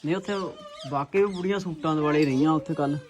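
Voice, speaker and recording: A man's voice: on the high side, fast talker. A man with an Indian Punjabi accent chatting casually as a family vlogger.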